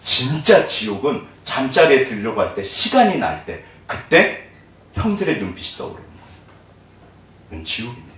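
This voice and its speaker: A man's voice: medium pitch, normal speed. Middle-aged guy pastor preaching, voice jumps all over, big echoey church, mic kinda far off. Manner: animated storytelling with rhetorical questions, acts out voices. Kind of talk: sermon. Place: church sanctuary. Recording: very echoey hall, distant mic.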